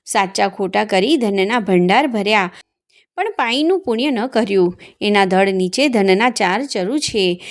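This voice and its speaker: A woman's voice: medium pitch, expressive, a little slow, lightly acted. A woman voicing the god Shiva, male, wise and commanding, in a devotional tale, speaking with authority as he instructs.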